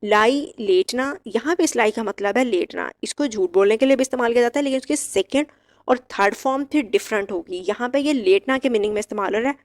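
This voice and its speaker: A woman teaching English verb forms, reciting each word slowly and clearly with short explanations. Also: fairly high pitch. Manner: slow, drilled word-by-word recitation. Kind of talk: vocabulary lesson.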